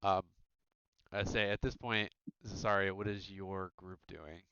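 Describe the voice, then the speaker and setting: A man runs a tabletop game, narrating in a smooth, resonant, low voice with loose, rambling fillers. The mic is dry and close but dull and lo-fi. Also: fairly even intonation, unhurried, a bit bright, dry recording. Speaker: game master.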